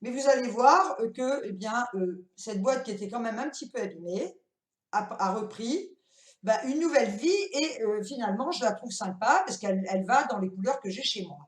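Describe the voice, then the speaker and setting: Older lady rambling about her buys at home, kinda high voice, lots of euh and voilà, roomy echo. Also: animated, moderate pace. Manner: chatty and rambling, many fillers and "voilà". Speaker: vlogger. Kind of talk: casual shopping haul vlog. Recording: roomy echoey room sound.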